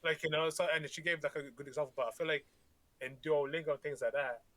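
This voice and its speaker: This podcast co-host, a man whose native language is Tagalog, talks fast in a slightly high, fairly bright voice with a steady tone and no echo. The casual chat wanders, with frequent restarts and plenty of swearing.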